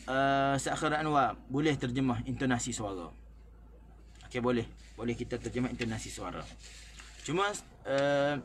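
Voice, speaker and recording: Malaysian Malay man teaching slow recitation. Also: medium pitch, a little hiss or hum. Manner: explains in short phrases, then recites examples slowly. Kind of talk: explaining Quran recitation in a class.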